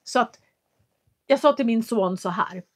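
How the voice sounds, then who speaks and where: Woman, live language teacher, articulates every word, patient explainer. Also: fairly high pitch. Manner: clear, carefully articulated speech. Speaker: Swedish teacher. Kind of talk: live language lesson answering chat.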